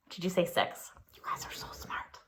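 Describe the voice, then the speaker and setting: In a whisper, a woman reads a picture book to young listeners, keeping a singsong, expressive rhythm. She stops occasionally with questions, much like a pre-K teacher.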